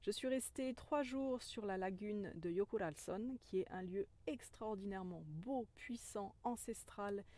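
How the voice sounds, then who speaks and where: A woman who calls herself a medicine woman tells a spiritual story in a gentle, earnest way. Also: mid-range voice, a little slow, hardly any pauses. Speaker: spiritual guide, self-described medicine woman.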